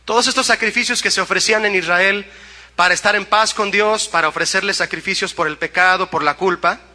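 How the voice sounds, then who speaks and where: A man's voice: high-pitched, fairly quick, sharp tone, in a large hall. A male pastor preaching a sermon, reading scripture aloud and asking the congregation to answer back.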